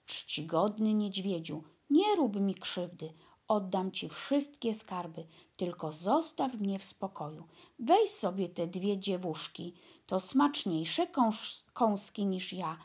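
A woman voicing a rude, greedy old male dwarf who scolds and shouts at two girls in a fairy tale. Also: medium pitch, sing-song, slow, breathy edge, full character voice. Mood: pleading. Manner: snappish, insulting, shouting.

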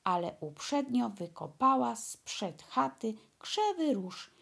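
Slow, gravelly woman narrating a fairy tale. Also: on the high side. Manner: calm, measured storytelling.

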